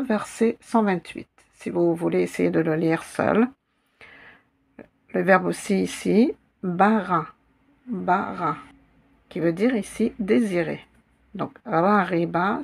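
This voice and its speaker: A woman teaching an Arabic reading lesson in French, patiently repeating each syllable and word slowly for learners. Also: fairly low pitch, vocal fry, a little mellow. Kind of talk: slow spelled-out reading lesson.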